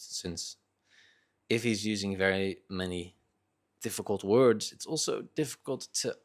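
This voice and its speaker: This low-voiced man, a vlogger sharing thoughts on his reading, has a Northern English accent with a slight Dutch tinge. His unscripted solo monologue is casual and reflective, and he hesitates and makes frequent small corrections as he searches for words.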